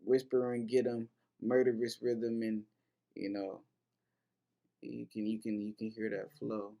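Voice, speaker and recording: A man talks through rap lyrics in a relaxed, informal lesson. His voice is mellow and warm, neither high nor low. He wanders with fillers and restarts and swears casually as he explains. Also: unhurried, gravelly. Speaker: host breaking down rap lyrics.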